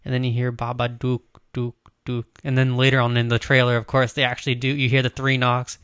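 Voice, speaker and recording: A man's voice: mid-range voice, monotone, fairly quick, fairly bright tone, clear, resonant tone, no echo, clean studio sound. A man in casual chat about movie news, loose and rambling with lots of filler words.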